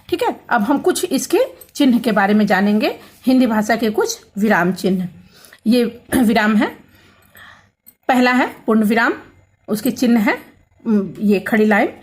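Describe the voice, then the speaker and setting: A woman's voice: a little high, breathy edge. A woman teaching a grammar lesson to children, explaining patiently and often checking that they follow.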